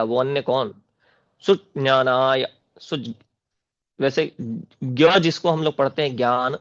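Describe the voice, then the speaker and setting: North indian guy teaching scripture, slow careful explaining, saying the sanskrit words over, dull dry recording. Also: mid-range voice, creaky, no echo. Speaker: spiritual teacher. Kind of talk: scripture commentary lecture.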